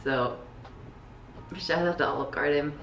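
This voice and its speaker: A young woman chatting casually in a vlog, relaxed and laughing often between her words. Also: low-pitched, a little slow, gravelly, roomy sound, a little hiss or hum. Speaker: vlogger and beach volleyball player.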